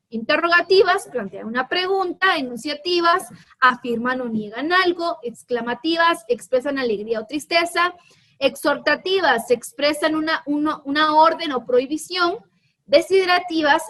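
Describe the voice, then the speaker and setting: High-voiced woman teacher explaining grammar. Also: fairly bright tone. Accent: Guatemalan Spanish. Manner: explains step by step, addresses students directly, rhetorical questions. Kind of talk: televised classroom lesson.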